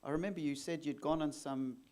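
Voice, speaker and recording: A man hosts an onstage interview, his voice pitched a little high. He asks leading questions and keeps the guest going with short murmurs. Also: fairly even intonation, fast talker, darkish tone. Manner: leading questions with frequent "mm" backchannels. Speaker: host, exorcist.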